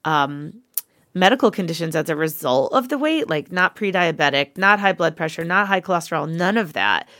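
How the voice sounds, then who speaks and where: Frank, low-voiced woman in her forties. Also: animated, normal speed, a bit bright, no echo, clean studio sound. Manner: candid, frank, with frequent ums. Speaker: podcast co-host. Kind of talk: casual chat.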